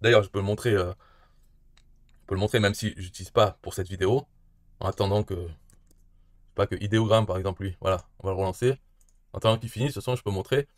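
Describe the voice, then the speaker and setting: A man with a fairly low voice walks through a software tutorial in an easygoing, unscripted way. He pauses often, fills gaps with hesitations and restarts his sentences. The sound is dry and close, with no room around it. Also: steady tone, dry recording. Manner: hesitant, many "euh" fillers and restarts. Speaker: tutorial presenter. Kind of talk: casual screen-recorded tutorial.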